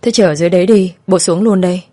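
Woman voicing a gentle, reassuring father. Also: lowish voice, very fast, close to an everyday voice. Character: worried middle-aged father, a fisherman.

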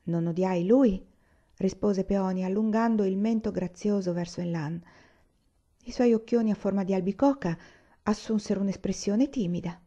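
A woman narrating an audiobook, calm and measured storytelling. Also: mid-range voice, muffled recording. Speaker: reader.

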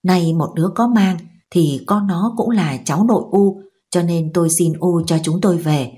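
A woman's voice: lowish voice, moderate pace, warm tone, natural voice. Woman voicing a pleading young man. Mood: coaxing. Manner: pleading, humble. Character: pleading young man begging his mother.

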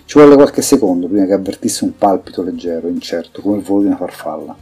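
A man reading scripted fantasy narration in an even, measured way. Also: low-pitched, breathy edge. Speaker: audiobook narrator. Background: faint music.

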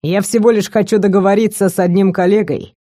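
Audiobook villain: a woman playing a calm, low-voiced werewolf abductor, dry close sound. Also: fairly quick, no room sound, natural voice. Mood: mocking. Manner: low, quiet, threatening, mocking. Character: calm menacing male werewolf kidnapper, young man. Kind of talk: audiobook character voice.

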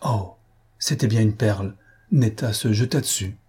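A man narrating a classic novel in a measured, steady storytelling manner. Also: on the low side, slightly rough. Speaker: audiobook narrator. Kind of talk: scripted narration.

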